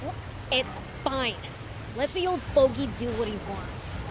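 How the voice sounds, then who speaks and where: A cheeky high-voiced young companion. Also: female voice, animated, measured pace, noisy background. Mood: teasing. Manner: teasing, blunt.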